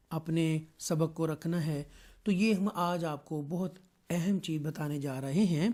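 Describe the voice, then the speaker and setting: Mellow-voiced male Quran teacher. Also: a little high. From Pakistan. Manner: explains slowly and carefully, with many drawn-out "aa" fillers. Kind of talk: online Quran lesson.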